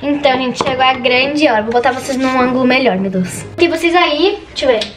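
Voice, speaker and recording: A woman's voice: high-pitched, brisk, far from the mic, over music. A teenage girl vlogging from her bedroom at home. She chats nervously and keeps saying "gente" to her viewers. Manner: nervous, chatty, says "gente" constantly. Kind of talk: casual vlog chat. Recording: echoey room with background noise. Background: household noise.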